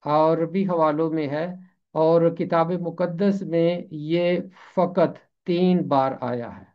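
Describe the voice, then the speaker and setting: A man teaching Urdu pronunciation, repeating each word slowly and carefully and explaining what it means. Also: on the high side, fairly even intonation, clear, resonant tone. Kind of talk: slow deliberate Urdu pronunciation lesson. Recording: dull lo-fi recording.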